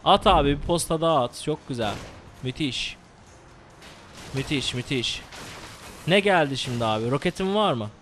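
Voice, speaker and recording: A young man commenting live on his own gameplay, excitable and swearing, yelling at the game. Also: fairly high pitch, normal speed, long pauses, slight background noise. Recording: game music behind the voice. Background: game music and gunfire.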